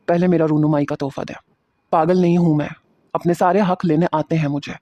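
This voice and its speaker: A man doing a furious sharp-tongued young bride. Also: on the high side, little pitch movement, no room sound, muffled recording, natural voice. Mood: defiant. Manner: scolding, threatening.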